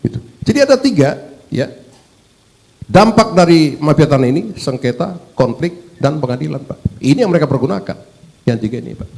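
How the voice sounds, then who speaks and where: Man, fiery hearing speech, higher voice, lively pitch, rhetorical questions. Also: moderate pace, gravelly. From Medan, North Sumatra. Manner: emphatic, rhetorical questions, keeps addressing 'sir'. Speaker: parliament member at a hearing. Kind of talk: formal hearing address.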